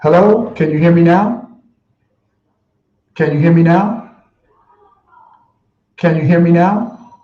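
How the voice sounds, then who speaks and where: A man hosting a podcast interview, asking again and again whether his guest can hear him after the call drops out. He talks in a measured, formal way and keeps repeating himself. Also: a little high. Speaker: podcast host. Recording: lo-fi, roomy echo.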